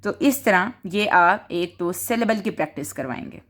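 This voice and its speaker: A woman's voice: lowish voice, animated, fairly bright tone. A woman, explaining spelling rules to parents in a home-schooling lesson and mixing English words into her talk. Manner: slow, explanatory, mixes English words into Hindi.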